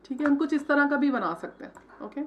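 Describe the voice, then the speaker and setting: Woman teaching a design class at her computer, kinda high voice, keeps saying theek hai, some faint typing behind. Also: lively intonation, a little fast, highs cut off, a little hiss or hum. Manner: step-by-step, frequent "theek hai" check-ins; mixes English terms into Hindi. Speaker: design tutor. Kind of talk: screen-recorded software tutorial.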